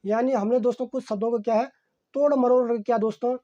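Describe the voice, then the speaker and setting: A male teacher walks students through an exam-prep grammar lesson in a mellow, warm tone. He circles back over each phrase, keeps asking "what is it?" and then answers himself. He checks in with his listeners again and again by calling them friends. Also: very high-pitched, steady tone, muffled recording. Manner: repetitive, asks himself rhetorical questions and answers them; fills pauses with "okay, friends".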